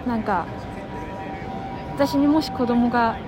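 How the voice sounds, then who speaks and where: A podcast co-host chats eagerly and casually, using many fillers, in a fairly high voice at a slow pace. She is recorded outdoors on a city street at night, with street noise and passing traffic.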